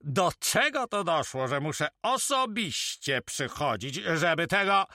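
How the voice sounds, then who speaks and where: A man's voice: on the high side, sing-song, measured pace, sharp tone, no room sound, studio quality, pitched above the performer's own voice, full character voice. A man voicing an impatient, haughty young nobleman in an audiobook, demanding and indignant.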